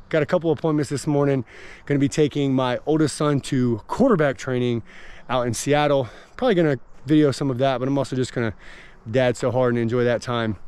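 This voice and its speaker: A man in his thirties with an American accent talks casually to his vlog audience. His voice sits at an ordinary pitch for a man. Light ambient noise runs behind the speech. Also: a little mellow. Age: 30s. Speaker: vlogger and gym owner. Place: outdoors on forest trail, later inside a car. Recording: clear outdoor and vehicle background noise.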